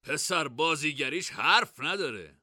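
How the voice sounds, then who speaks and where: A man voicing a cheeky, greedy young man who haggles loudly. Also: mid-range voice, lively intonation, no echo, clean studio sound. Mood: scheming. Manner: loud, bargaining, indignant.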